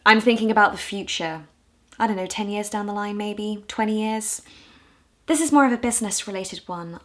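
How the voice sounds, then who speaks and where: A woman from the UK in her twenties, talking candidly and with self-deprecating humor in a casual vlog, her voice a little hoarse. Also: medium pitch. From United Kingdom. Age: 20s. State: hoarse, low on voice. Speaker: vlogger.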